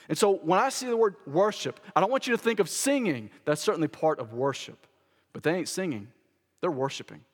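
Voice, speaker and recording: A male pastor delivers a sermon in a church sanctuary, his voice sitting a little high for a man. He presses his points by repeating them, and the big room adds a long reverb tail. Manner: emphatic, repeats key phrases for stress.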